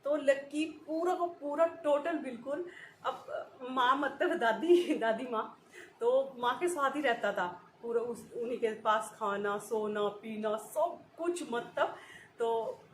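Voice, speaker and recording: Woman vlogger, 30s, higher-pitched, giggly rambling storyteller; echoey room, faint background noise. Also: slow pace. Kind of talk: casual chat to viewers.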